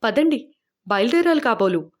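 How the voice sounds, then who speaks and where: Playful, curious young woman traveler in an audiobook, read by a woman narrator, raised and bright. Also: a little high, big pitch swings, normal speed.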